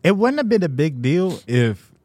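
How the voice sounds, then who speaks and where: A man's voice: on the high side, very animated, moderate pace, darkish tone, dry recording. A man co-hosting a podcast, telling a story in laid-back slang and laughing as he goes. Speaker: podcast co-host. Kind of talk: casual storytelling chat.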